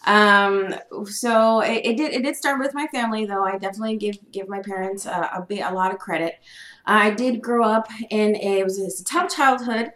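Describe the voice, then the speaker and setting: A woman's voice: medium pitch, steady tone, moderate pace, a bit bright, echoey room. A young woman, eight months pregnant and a little out of breath, talking humbly as a podcast guest with many fillers and restarts. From United States. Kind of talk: casual podcast interview. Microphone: remote call, laptop.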